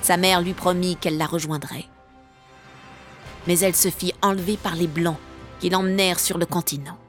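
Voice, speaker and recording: A woman reading brings to life a vengeful witch in a storybook, who threatens in a hushed, menacing growl. Her voice sits low, and faint music plays beneath it. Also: steady tone, normal speed, lightly acted. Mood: storytelling.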